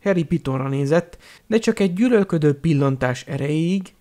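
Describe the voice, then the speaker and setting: A man narrating an audiobook in a steady, measured storytelling manner. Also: a little high.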